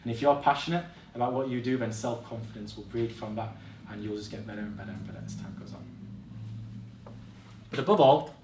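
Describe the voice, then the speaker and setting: A man's voice: on the low side, fairly quick, far from the mic, heavy background noise. A young man giving an encouraging workshop talk to students, direct and upbeat. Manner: encouraging, direct, addresses audience as guys. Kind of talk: motivational presentation to students. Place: college classroom or hall. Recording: echoey room, voice off-mic.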